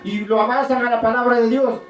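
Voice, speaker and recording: A woman preaching a fiery sermon, impassioned and rising to shouts, with frequent hesitations. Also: fairly high pitch, fairly even intonation, brisk, a little hiss or hum. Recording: echoey room, far from the mic, faint music.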